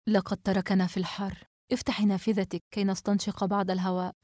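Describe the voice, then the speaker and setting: A woman's voice: mid-range voice, flat delivery, fast, darkish tone, no echo, clean studio sound, lightly acted. A woman reading a novel aloud, voicing a practical, kindly middle-aged mother. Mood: motherly.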